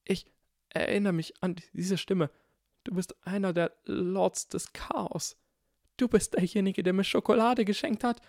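A man's voice: high voice, little pitch movement, measured pace, vocal fry, a little mellow, no echo, clean studio sound, pitched above the performer's own voice. A man doing a timid trembling little boy. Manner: timid and tiny-voiced. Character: timid small schoolboy, trembling, tiny voice.

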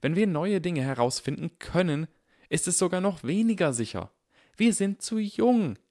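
An anxious, earnest young schoolgirl witch, as a male audiobook reader puts her on, with a voice pushed high and thin. She sounds worried and pleading, and talks faster when upset. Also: big pitch swings, darkish tone. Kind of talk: audiobook character voice.

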